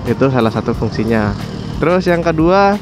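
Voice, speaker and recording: A motorcycle vlogger chats casually to his viewers, explaining things conversationally and checking in with them often. His mid-range voice is animated and brisk, with music playing in the background.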